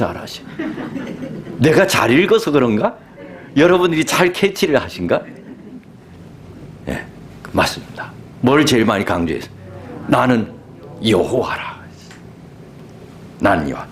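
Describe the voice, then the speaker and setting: A man preaching a sermon as a pastor, animated and conversational, often asking the congregation questions. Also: a little high.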